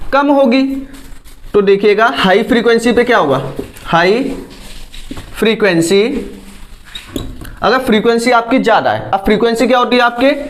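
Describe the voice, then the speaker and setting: A man, lecturing students in a lively classroom style. He keeps asking questions and answers each one himself. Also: extremely high pitch. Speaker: teacher.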